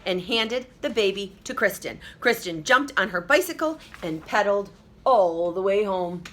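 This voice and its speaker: This medium-pitched woman teacher brings a picture book to life for children with an expressive, encouraging reading. Every so often she breaks off to talk straight to them.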